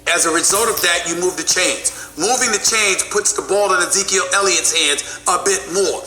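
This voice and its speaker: A man's voice: high-pitched, normal speed, pushed and bright, reverberant. A man arguing as a sports commentator, emphatic and repeating himself to press his point. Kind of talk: heated sports debate.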